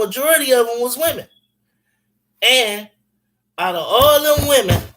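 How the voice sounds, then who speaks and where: A man in his forties calls on the phone and rambles through stories emphatically, full of slang, profanity and restarts. His voice is high-pitched and a bit bright, and the audio is poor.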